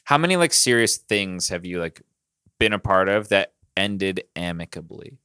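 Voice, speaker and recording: Deep, smooth-voiced young man chatting. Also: normal speed, dry recording, clean studio sound. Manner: animated storyteller, many fillers. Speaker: podcast co-host. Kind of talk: casual chat.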